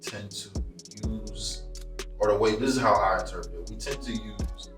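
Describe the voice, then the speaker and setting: A man's voice: on the low side, normal speed. Echoey far-off podcast co-host, man. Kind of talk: casual chat. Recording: echoey room, far from mic, music behind.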